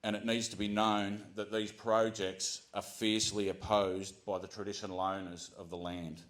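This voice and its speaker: An Australian man giving an earnest prepared speech to a community gathering, often pausing with ums and restarting his sentences. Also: fairly low pitch, level tone. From Central Coast of New South Wales, Australia. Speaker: community speaker.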